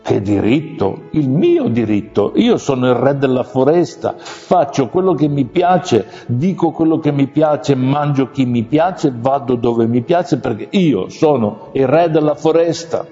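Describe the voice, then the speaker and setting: Cast: a proud blustering storybook lion, voiced by a man, dark mellow tone, reverberant dull recording. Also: mid-range voice, animated, unhurried, close to an everyday voice. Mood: boastful. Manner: blustering, boastful. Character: huge proud boastful male lion. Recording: long reverb, muffled, faint music.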